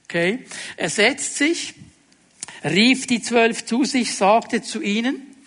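Man, pastor, sermon, high voice, rhetorical questions, hushed emphasis. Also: slow pace. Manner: expressive preaching, drops to quiet lowered tones for emphasis; addresses the congregation directly with rhetorical questions.

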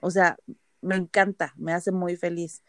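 A woman's voice: on the low side, level tone, unhurried, no echo, clean studio sound. A Mexican woman co-hosting a podcast, chatting casually and telling stories animatedly, full of slang and swearing. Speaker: podcast co-host. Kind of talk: casual chat.

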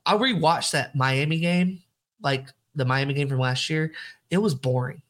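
A man co-hosting a casual sports podcast, animated and emphatic, often repeating himself. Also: fairly high pitch, normal speed. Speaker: podcast co-host.

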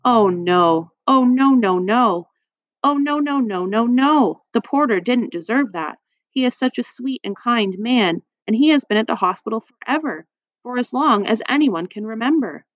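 A woman voicing a kindly, fretful dinner lady with a high, gushing manner. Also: expressive, moderate pace, dry recording. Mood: distressed. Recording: dry, slightly muffled.

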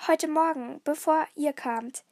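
A woman's voice: high-pitched, measured pace, darkish tone, dry recording, studio quality. A woman voicing a worried, hesitant lady of a villa in a storybook. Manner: hesitant, murmured.

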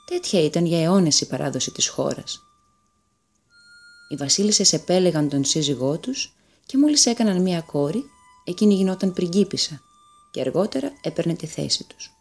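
A woman narrating a fairy tale in a calm, measured storytelling manner. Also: low-pitched.

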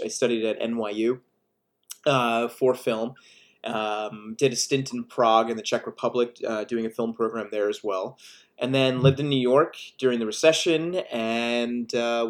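Laid-back male filmmaker guest. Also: medium pitch. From United States. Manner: relaxed, self-deprecating humor. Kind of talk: casual video-call interview.

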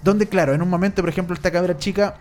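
Give me a young Chilean man chatting casually in a high, quick voice, full of fillers. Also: fairly even intonation, a little mellow, soft background music. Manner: rambling, many fillers and tag questions. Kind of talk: casual chat.

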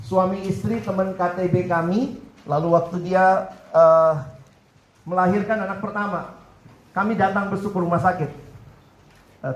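A young man giving a lively campus sermon, joking and telling animated stories to his listeners. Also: sits high. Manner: playful, joking, animated storytelling. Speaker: preacher. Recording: roomy hall echo, faint background noise.

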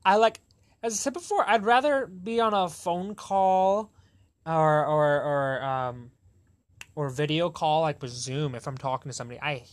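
A man's voice: a little high, moderate pace. A young man hosting a podcast in casual chat, rambling and correcting himself as he talks. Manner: rambling, self-correcting, laughs often. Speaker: podcast host.

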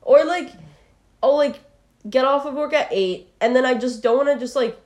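A woman's voice: high-pitched, normal speed, darkish tone. A teenage girl chatting casually as co-host, filling her talk with "like" and frequent laughs. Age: teens. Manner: chatty, lots of "like", laughs often. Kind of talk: casual chat.

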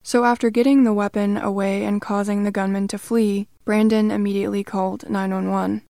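Female narrator for true crime, even read, little pitch movement, dead-dry room. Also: brisk, vocal fry, no room sound. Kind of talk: scripted narration.

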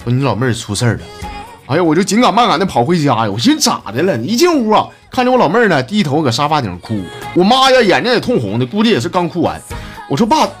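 A young man hosts a comedy show in a thick Northeastern Mandarin accent, joking his way through listener stories. His voice sits a little high and leaps all over in pitch. Faint music plays softly behind him. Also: fast. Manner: joking, chatty, animated storytelling with dialect slang. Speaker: radio comedy host reading listener messages. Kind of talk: comic storytelling.

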